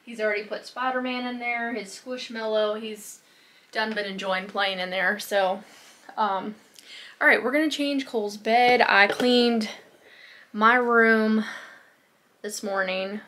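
A woman, chatting casually to the camera in a day-in-the-life vlog. She rambles and often fills pauses with "um" and "like", and she is recorded close to a phone camera in a small bedroom. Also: a little high, fairly even intonation, bright, forceful tone. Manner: chatty and rambling, with frequent fillers like "um" and "like". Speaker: lifestyle vlogger. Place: small bedroom at home, indoors.

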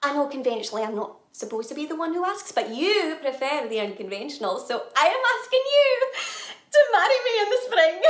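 An actress with a Scottish accent performing a dramatic monologue as a nervous young woman who proposes to her flatmate, talking in a hesitant, halting way with nervous laughs. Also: high-pitched, roomy sound. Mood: nervous, hopeful. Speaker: actor.

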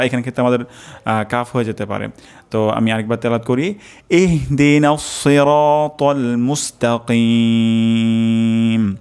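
A man teaching correct recitation of verses, repeating each word slowly and patiently for learners. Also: lowish voice, a little mellow. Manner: patient, repeats words slowly and drills pronunciation. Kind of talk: instructional lesson with chanted recitation.

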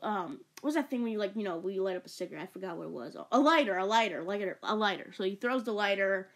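A young woman talks through a movie review in a loose, rambling way, stacking fillers and tripping over her words in her excitement. Her voice sits at an ordinary middle pitch. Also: fast. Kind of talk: casual video review.

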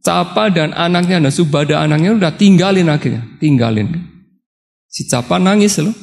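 A male Buddhist monk tells a story during a retreat talk, slipping into the voices of the characters and laughing along the way. His voice sits high and has a heavy gravelly rasp. The sound carries a long reverb from the meditation hall. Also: moderate pace. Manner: lively, acts out quoted characters, laughs often.

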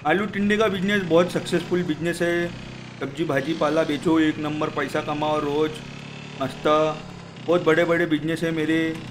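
A man hosts comic gameplay commentary in a slightly high, playful voice. He jokes like a street seller and breaks into sudden shouted calls. Loud game sounds run underneath him. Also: level tone, normal speed, background noise. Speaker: gaming channel host.

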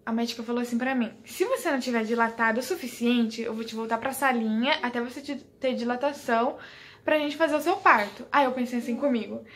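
Uma jovem mulher brasileira, vlogueira, contando em tom casual e animado uma experiência pessoal, rindo muitas vezes e imitando diálogos. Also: female voice, on the high side, brisk. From Brazil. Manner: animated, laughs often, quotes people in dialogue. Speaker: vlogger. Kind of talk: casual storytelling.

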